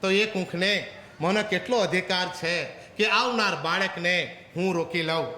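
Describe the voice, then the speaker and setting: High-voiced, animated male preacher. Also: a little slow, reverberant, long reverb tail. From Gujarat, India. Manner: rhetorical, animated storytelling. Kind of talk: sermon.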